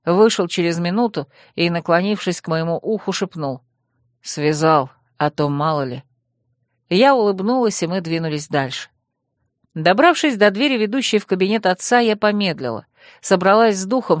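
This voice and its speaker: A woman narrating a novel in the first person at an even storytelling pace. Her voice sits at a middle pitch. The recording is dry and close. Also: a little fast, dry recording. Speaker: audiobook narrator.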